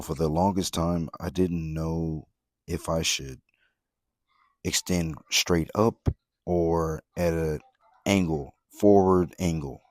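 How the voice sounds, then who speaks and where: A man's voice: deep voice, darkish tone, no echo, clean studio sound. A man giving casual workout commentary as a voice-over, in a laid-back, slangy gym-bro manner. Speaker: fitness vlogger.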